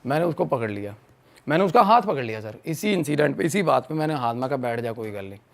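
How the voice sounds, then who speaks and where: A man's voice: fairly high pitch, quick pace, gravelly. A young man from Punjab, a podcast guest telling a ghost story in a casual chat, acting out his friends' lines. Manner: animated, acts out friends' quotes.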